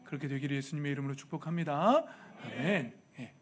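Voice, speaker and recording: Male pastor, slightly higher voice, lively and playful sermon delivery in a church. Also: quick pace, a little hiss or hum. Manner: animated and humorous, acting out quoted speech. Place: church sanctuary.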